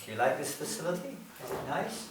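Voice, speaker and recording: A man's voice: on the high side, big pitch swings, quick pace. An Englishman giving a talk to an audience through a translator, chatty and joking with the crowd. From England. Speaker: visiting speaker. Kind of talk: lecture with consecutive translation. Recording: echoey hall, voice from far off, noisy.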